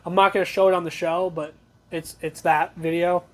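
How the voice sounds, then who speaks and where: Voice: mid-range voice, flat delivery, moderate pace. A talk show host giving blunt, conversational news commentary, reading reports aloud with opinionated asides.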